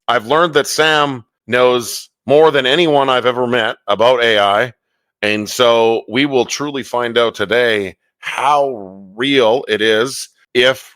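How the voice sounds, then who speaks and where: A man's voice: medium pitch, a bit bright, dry recording. A middle-aged man hosting a casual interview podcast, enthusiastic and swearing freely. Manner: enthusiastic, profane. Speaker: podcast host.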